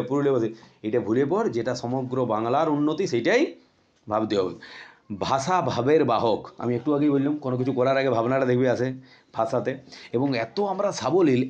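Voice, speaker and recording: A man's voice: fairly high pitch, a little mellow. A male teacher giving an informal lecture to his students, talking in a casual way with frequent restarts and fillers. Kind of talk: classroom lecture explaining a text. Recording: dull lo-fi sound.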